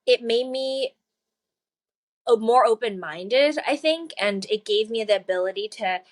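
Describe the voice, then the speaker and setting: A woman in her thirties from China chats casually as a podcast guest; she's a children's book author. Her voice is on the high side, and she comes across as warm, earnest, and upbeat, laughing often and filling pauses with lots of ums and uhs.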